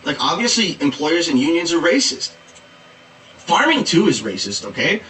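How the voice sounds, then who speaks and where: A man's voice: a little high, sing-song, normal speed, fairly bright tone, echoey room, far from the mic, slight background noise, rough recording. A man playing a preachy, exasperated activist who says "like" and "duh" all the time, in a sarcastic comedy monologue. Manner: valley-speak with constant "like" and "duh", sarcastic. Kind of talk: satirical character monologue.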